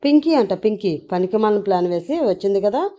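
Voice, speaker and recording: A sly young woman feigns sorrow and gloats quietly, as a woman narrator puts her on. The voice is mellow and warm. The audiobook sound is dull and lo-fi. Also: mid-range voice, expressive, brisk, lightly acted. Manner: sly, mock-sad. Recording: dull lo-fi recording.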